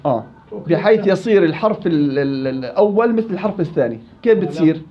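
Brisk Levantine male recitation teacher. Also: on the high side, lively intonation, muffled recording, crowd noise. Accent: Levantine Arabic. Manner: quizzes students and praises answers; stretches out example words slowly. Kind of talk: classroom teaching.

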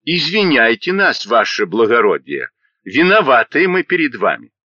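A man's voice: medium pitch, big pitch swings, normal speed, pushed and bright, dry recording, lo-fi sound. A man voicing a coarse, brutal male Red Army squad leader who barks orders and mocks his captive. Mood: sneering. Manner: barking, menacing, mocking.

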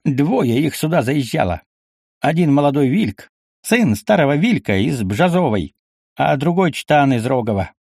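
A man's voice: on the high side, sing-song, measured pace, gravelly, darkish tone, no echo, clean studio sound, voice pushed up, full character voice. A man voicing a jovial, tipsy older nobleman who teases and grows sentimental, in an audiobook reading. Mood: teasing. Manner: boisterous, teasing, sentimental when drunk.

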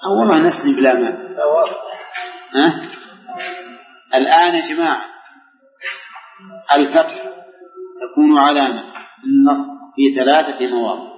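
Older man, grammar teacher, quizzes class, repeats examples slowly, roomy reverberant hall. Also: mid-range voice, a little hiss or hum. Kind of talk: classroom lesson with questions to students. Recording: echoey hall, dull lo-fi recording.

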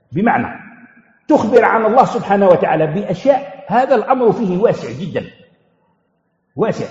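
A man with a high, darkish voice teaches a religious lesson as a sheikh, posing questions, answering them himself, and repeating key phrases. The recording sounds dull and lo-fi, with the echo of a large hall.

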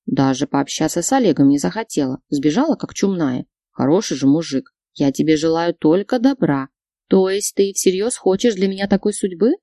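A woman's voice: lowish voice, lively intonation, normal speed, mellow, no echo, studio quality. A woman voicing a nagging, manipulative middle-aged mother who scolds and reproaches her daughter. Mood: reproachful.

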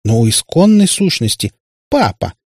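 A man's voice: mid-range voice, big pitch swings, normal speed, a little mellow, breathy edge, dry recording, clean studio sound, voice pushed up. A man voicing a sad warlock father who rambles in pompous explanations. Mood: weary. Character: male warlock father, sad and long-winded.

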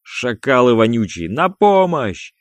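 Man putting on a desperate debtor, panicked, pleading, deep voice, dry close sound. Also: level tone, moderate pace, no room sound, close to an everyday voice. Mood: screaming. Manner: panicked, pleading, yelling for help. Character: desperate male debtor cornered by thugs.

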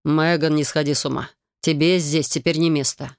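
A woman reading the part of a caring young dragon husband, soft and coaxing, her voice pitched lower than her narration. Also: steady tone, normal speed, dry recording, studio quality.

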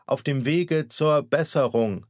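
A man playing a grave, halting doctor. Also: fairly high pitch, no room sound, studio quality, pitched above the performer's own voice. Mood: hesitant. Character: solemn hesitant male family doctor.

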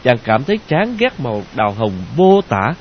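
A man narrating a novel in a slow, measured way. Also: mid-range voice, very animated. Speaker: audiobook narrator. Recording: dull lo-fi audio with hiss.

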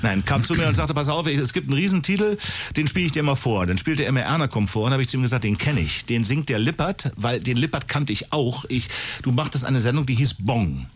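A man's voice: mid-range voice, expressive, fast, breathy edge. An older man from West Berlin, a radio host chatting casually, telling anecdotes with jokes and breaking into song. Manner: joking, storytelling, breaks into song. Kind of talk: casual radio chat with sung bits.

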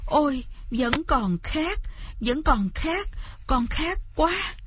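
A woman's voice: high voice, takes it slowly, a bit bright, dry recording, voice pushed up. A woman storyteller voicing a young son who talks in a weak, gasping voice. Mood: suffering. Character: young son, suffering and breathless.

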